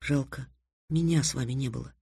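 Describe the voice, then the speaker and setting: A man voicing a teasing, practical young girl companion in a soft, quiet voice. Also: mid-range voice, fairly even intonation, a little fast, vocal fry, slightly rough, no room sound, studio quality.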